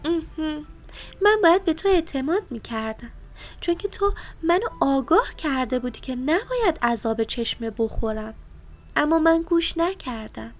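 A woman voicing a small, anxious little rabbit in a bedtime story, with a pleading, squeaky, eager way of speaking. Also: expressive. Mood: remorseful.

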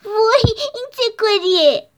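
A woman voicing a rude, cheeky little boy in a bedtime story, whiny and loud. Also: extremely high pitch, voice pushed up. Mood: indignant.

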